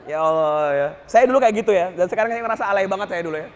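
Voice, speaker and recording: High-voiced joking male preacher. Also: rapid-fire, in a large hall. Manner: joking, animated storytelling. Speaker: Islamic preacher. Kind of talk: humorous religious lecture.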